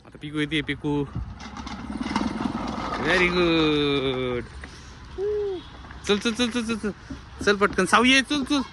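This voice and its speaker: A man films a family vlog in a public garden, chatting to viewers like friends and hurrying the children along. His voice is high and sing-song at a moderate pace, captured on an outdoor phone with loud street noise.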